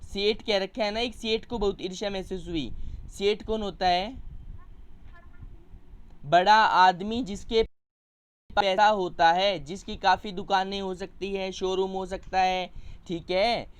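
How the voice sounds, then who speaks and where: A man's voice: sits high, fairly even intonation, a little slow, long pauses, clear, resonant tone. A man teaching a primary school Hindi class over a video call, patiently explaining words and coaxing children to read aloud. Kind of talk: online class lesson.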